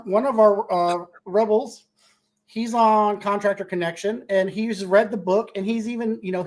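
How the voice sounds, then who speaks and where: A man's voice: high-pitched, darkish tone. A man speaking as a contractor on a casual panel discussion, blunt and rambling with many restarts.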